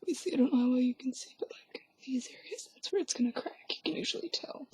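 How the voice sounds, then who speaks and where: A woman's voice: sits high, fast talker, darkish tone. A young woman whispering through a hands-on craft tutorial at home, with offhand, self-mocking asides. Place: at home, quiet indoors.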